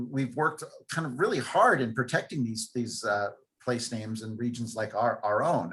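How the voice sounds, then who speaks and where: A man's voice: medium pitch, fairly bright tone. A man hosting an online wine tasting over a video call, chatting loosely with plenty of filler words. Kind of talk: casual live-stream hosting.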